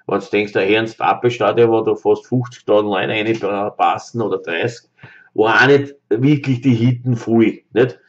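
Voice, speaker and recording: Viennese man in his thirties, lowish voice, insistent fan rant, dull webcam sound. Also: normal speed, slight background noise. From Austria. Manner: emphatic, repeats points, many fillers. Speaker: football fan vlogger. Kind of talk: opinion monologue to camera. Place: small room indoors. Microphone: webcam close up.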